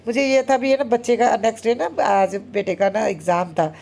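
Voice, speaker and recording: A woman in her thirties narrates her home vlog in a casual, chatty way. She talks very fast and keeps dropping little fillers as she goes. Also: a little high, steady tone, vocal fry, a little mellow. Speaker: homemaker vlogger.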